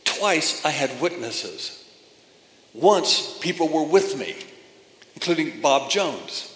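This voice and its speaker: A man preaching a sermon with emphatic phrasing and pauses between phrases, addressing a congregation. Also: fairly high pitch, big pitch swings, a bit bright. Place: church or meeting hall. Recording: echoey hall from a distance.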